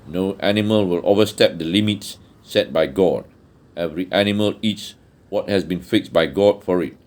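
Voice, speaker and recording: Male audiobook reader, low voice, steady earnest delivery of religious text. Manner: measured, earnest reading with occasional restarts and throat clearing. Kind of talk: reading a religious book aloud.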